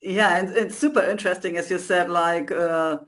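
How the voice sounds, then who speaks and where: A male podcast host with a notably high voice. He asks his questions loosely and casually, padding them with likes and uhs. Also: fairly even intonation, normal speed, fairly bright tone. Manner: casual, filler-heavy questions. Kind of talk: podcast interview.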